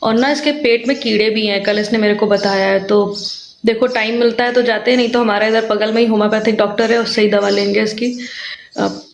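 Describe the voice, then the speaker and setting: A woman's voice: fairly high pitch, steady tone, brisk, gravelly, slight background noise. A woman in her thirties, a mother chatting casually in a home vlog, talking in a chatty, complaining and teasing way. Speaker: vlogger and mother. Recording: echoey room with faint ambience.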